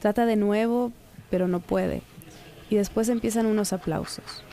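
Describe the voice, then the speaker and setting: Female narrator-reporter, dark mellow voice, steady scripted storytelling. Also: mid-range voice, vocal fry. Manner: calm, measured storytelling.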